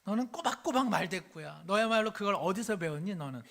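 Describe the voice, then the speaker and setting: A man, a preacher, voicing a sharp-tongued older mother-in-law who scolds her daughter-in-law. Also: sits high, animated, brisk, creaky, heavily acted. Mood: scolding.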